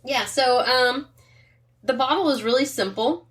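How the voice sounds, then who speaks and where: A woman's voice: sits high, a little slow, a bit bright. Chatty woman podcast host. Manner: chatty and rambling, reads labels aloud. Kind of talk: casual chat.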